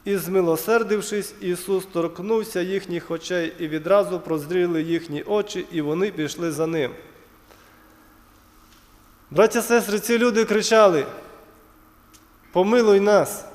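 High-voiced preacher man in reverberant hall. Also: moderate pace. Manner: addresses congregation as brothers and sisters. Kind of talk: sermon. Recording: long hall reverb, church.

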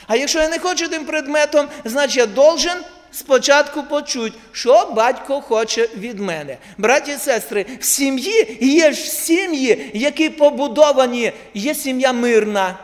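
A man preaches in a church hall, his voice unusually high for a man. He keeps turning to the congregation with rhetorical questions and folds in everyday stories from his own family. Long reverb from the hall trails behind each phrase. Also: moderate pace. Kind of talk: sermon to a congregation.

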